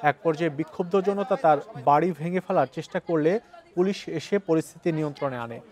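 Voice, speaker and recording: A man with a Bangladeshi accent delivers scripted news narration. His voice sits a little higher than most men's. He reads as a reporter presenting a story. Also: a little fast, a little mellow.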